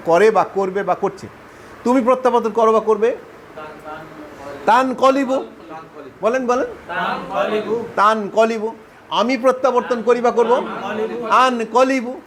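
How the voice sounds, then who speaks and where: High-voiced male teacher drilling verb forms. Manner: repetitive chanting drills, questioning students. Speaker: Arabic grammar teacher.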